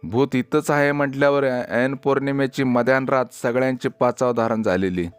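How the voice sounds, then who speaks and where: Man, storyteller, measured storybook narration, smooth resonant voice, faint background music. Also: medium pitch, fairly even intonation.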